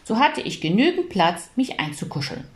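A woman reading a children's storybook aloud in a lively, expressive way. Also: a little high, normal speed. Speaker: audiobook reader.

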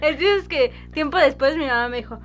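A young woman with a Mexican accent telling stories in a casual podcast chat, slangy and quick to laugh and tease. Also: high-pitched. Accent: Mexican Spanish. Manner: slangy, laughs often, quick teasing interjections. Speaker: podcast co-host.

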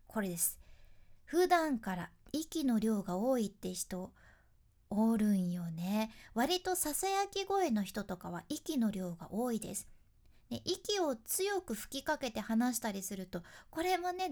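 A woman, a speaking coach explaining voice tips in a friendly, lively teaching tone. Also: fairly high pitch. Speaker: speaking coach, freelance announcer. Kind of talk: instructional talk to camera.

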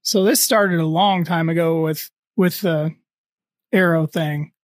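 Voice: mid-range voice, fairly even intonation, measured pace, dry recording, studio quality. An interviewer chatting casually and asking questions. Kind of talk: casual chat.

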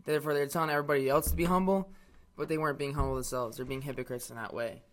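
A man's voice: on the high side, fairly even intonation, very fast. A man talking thoughtfully with many fillers in a casual faith discussion, co-hosting a Bible talk.

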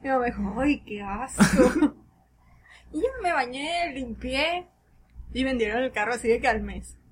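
A woman's voice: sits high, moderate pace, slight background noise. Laughing Mexican woman telling a story. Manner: animated, laughing often, crude slang. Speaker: podcast co-host. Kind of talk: casual storytelling.

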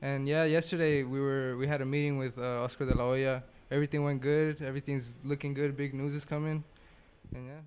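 A man's voice: medium pitch, little pitch movement, fairly quick, darkish tone, smooth. A young man from Oakland, a boxer answering interview questions casually in short, plain, repeated phrases. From Oakland, California. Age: young adult. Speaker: professional boxer, interview guest.

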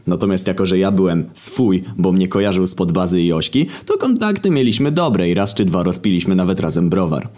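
A man telling a comic story in a casual, deadpan way, full of slang and swearing. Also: low voice, a little fast, hardly any pauses.

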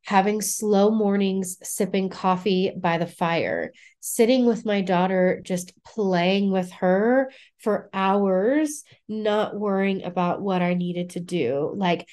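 A woman's voice: medium pitch, fairly even intonation, slow pace, few pauses, darkish tone. A woman guest on a casual podcast interview, a coach speaking earnestly and reflectively with many "like" fillers.

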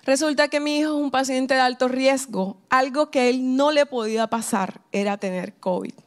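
A woman's voice: high-pitched, normal speed. A woman giving a sermon, telling her own story in an earnest, personal way. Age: adult with a ten-year-old son. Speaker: preacher.

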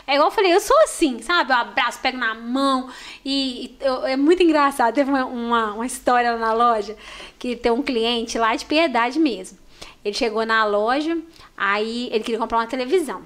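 A woman with a Brazilian Portuguese accent from Minas Gerais, a store manager chatting casually on a podcast and telling lively stories. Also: fairly high pitch, fairly quick. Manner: animated storyteller, warm and expressive.

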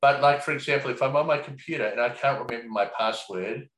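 A man's voice: mid-range voice, fast, fairly bright tone. A man talking casually and reflectively, rambling with lots of fillers and the odd swear word. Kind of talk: casual conversation. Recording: echoey room.

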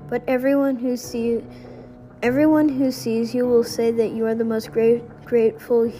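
A woman's voice: fairly high pitch, level tone, normal speed, mellow, close to an everyday voice, rough recording. A woman voicing a cruel old female sea witch while reading a fairy tale aloud, stumbling and rereading words. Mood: stern.

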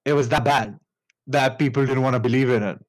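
A man with an Indian accent hosting a casual podcast, telling a story in a rambling, halting way with many fillers and restarts. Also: mid-range voice, steady tone, low-quality recording. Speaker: podcast host.

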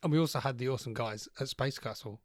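A man's voice: mid-range voice, fast, dry recording. Sex: man. Role: podcast host. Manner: easygoing, rambling banter. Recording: dry, close.

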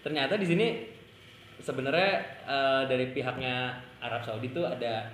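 A man's voice: mid-range voice, animated, normal speed, a bit bright, roomy sound, slight background noise. A man co-hosting a casual podcast, rambling in slang and laughing often. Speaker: podcast co-host.

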